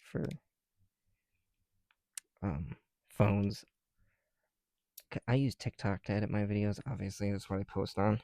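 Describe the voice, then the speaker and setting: This ASMR clip has a man casually chatting as he builds bricks on his bedroom floor at night, poking fun at himself with small asides. He speaks at a measured pace with long pauses, in a fairly low, level, mellow voice, recorded dry.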